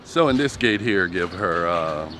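A man's voice: sits low, lively intonation, a little slow, fairly bright tone. A man casually narrating a walking tour of his property outdoors, rambling with fillers, filmed on a handheld phone. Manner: rambling, conversational, fillers like "you know". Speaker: vlogger giving a property tour. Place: outdoors on a street and yard in the sun. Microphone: handheld phone camera. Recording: outdoor phone recording with clear background noise.

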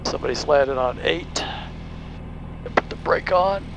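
Over steady engine noise in a small aircraft, a pilot who hosts videos speaks a little slowly, his higher voice carrying vocal fry. He keeps his commentary casual and explanatory and makes radio calls.

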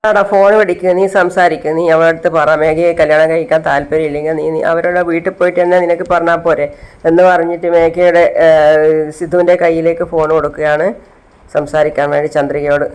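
A man casually retelling the events of a TV serial episode in a steady, plain way, with hesitation sounds now and then. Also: fairly high pitch, quick pace, clear, resonant tone, low-quality recording. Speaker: channel host recapping a TV serial. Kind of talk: casual spoken story recap.

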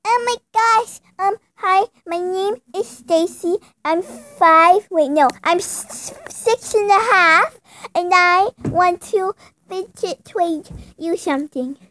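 Young girl doing a baby voice, super high n slow, little kid who stammers um um, toy video roleplay. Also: fairly bright tone, heavily acted. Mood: shy. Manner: hesitant, stammering with ums. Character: tiny six-year-old girl, shy and hesitant. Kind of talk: toy video role-play.

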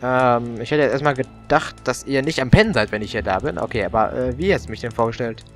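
A man's voice: medium pitch, fast talker, a bit bright, faint music behind. A young man doing casual gaming commentary, grumbling and swearing as he plays. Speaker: let's player.

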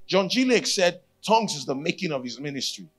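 Animated Nigerian preacher, a man. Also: on the high side, a little fast, soft background music. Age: middle-aged. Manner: emphatic, repeating key phrases. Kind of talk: sermon. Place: stage at a church retreat, indoors. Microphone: handheld microphone.

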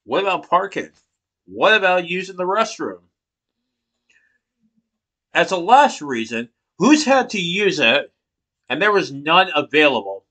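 Partly reading from notes, a man in his thirties makes a persuasive class speech to a laptop webcam positioned below him in a small room. His slightly high voice is bright and forceful, very animated but unhurried, and he pauses often. Rhetorical questions and emphatic hand gestures punctuate his talk.

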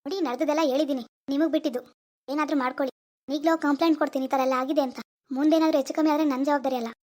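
A young man playing a stubborn village man who argues quickly and bluntly in a village drama. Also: extremely high pitch, fairly even intonation, a little mellow. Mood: defiant.

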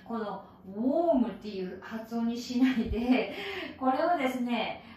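A woman English teacher with a Japanese accent, giving an animated recorded lesson with playful sound effects. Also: fairly high pitch, a little slow. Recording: echoey room from far off.

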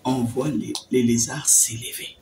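A woman's voice: a bass voice, steady tone, a little slow, dark tone. A woman giving a personal faith testimony as an interview guest, telling her story with animation and acting out the words of others. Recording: distant mic with faint noise.

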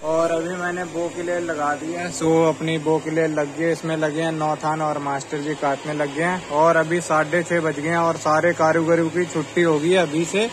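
Young male vlogger in his 20s, chatty running commentary, slightly high voice, workshop noise behind, phone mic. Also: little pitch movement, moderate pace, hardly any pauses. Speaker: vlogger at a garment factory. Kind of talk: casual vlog narration. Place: small garment workshop, indoors. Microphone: handheld phone camera.

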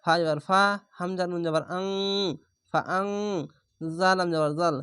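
A man's voice: fairly high pitch, level tone, fairly bright tone, smooth, no room sound. A man teaching Quran reading, patiently spelling out each syllable letter by letter and explaining the rules as he goes. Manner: spells out syllables slowly and methodically.

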